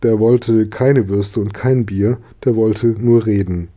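A man reading a children's story aloud in a calm, even storytelling manner. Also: fairly low pitch, takes it slowly. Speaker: narrator.

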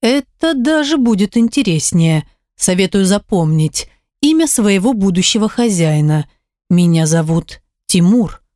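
A woman's voice: medium pitch, animated, measured pace, warm tone, no echo, studio quality, lightly acted. A woman reading a smug, menacing male rival in an audiobook, speaking with a mocking drawl.

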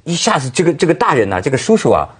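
A man hosting a talk show, telling anecdotes with animated quoted voices. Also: on the high side, rapid-fire, a crowd in the background. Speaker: host. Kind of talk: casual talk show chat.

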